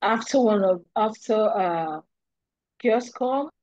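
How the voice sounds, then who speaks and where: A woman talks slowly and haltingly over a video call, pausing on fillers and restarts. Her audio keeps breaking up, so her volume drops in and out. The sound is dull and dry, with no room around it. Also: medium pitch, animated, darkish tone, no room sound. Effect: choppy call audio, volume dropping in and out. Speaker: working group meeting participant. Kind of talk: online video call meeting. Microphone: computer or phone mic on a video call.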